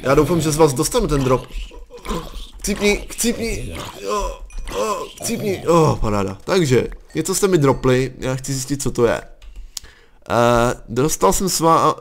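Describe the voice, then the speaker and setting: A young Czech man with a gravelly, fry-edged voice, giving running commentary as he plays. His pitch swings widely, from low mutters to sudden high yelps when something startles him. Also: a little hiss or hum. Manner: excitable, jumps to yelps and curses when startled. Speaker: gaming channel host. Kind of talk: Let's Play commentary.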